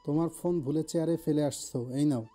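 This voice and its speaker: Guy doing a calm sly gang boss, flat orders, really dark mellow tone, a bit high. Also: a little fast, faint music behind, close to an everyday voice. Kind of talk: audio story drama.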